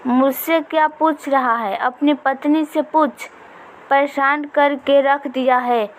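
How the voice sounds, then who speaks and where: A woman voicing an irritable older mother-in-law who is sick in bed, snapping sharp, scolding retorts at her daughter-in-law in a storybook reading. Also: high-pitched, fairly even intonation, slow pace, a little hiss or hum.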